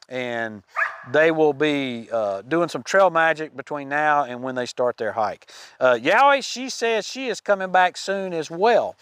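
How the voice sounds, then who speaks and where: A man's voice: a little high, clean tone, no room sound, studio quality. A man hosting a podcast, giving a chatty, folksy update on hikers with casual fillers and restarts. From United States. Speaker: podcast host.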